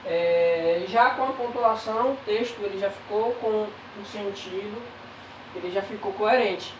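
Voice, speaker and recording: A Brazilian woman teaching a grade-school class, pausing with drawn-out fillers between phrases. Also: mid-range voice, far from the mic, noisy background. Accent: Brazilian Portuguese. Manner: slow, hesitant, many drawn-out fillers. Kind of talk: recorded remote lesson. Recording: echoey room, voice off-mic.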